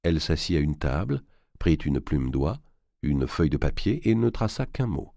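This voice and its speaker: A man narrating a historical novel as an expressive audiobook reader. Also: extremely low pitch, moderate pace, vocal fry, no echo, studio quality. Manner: expressive storyteller, varied delivery.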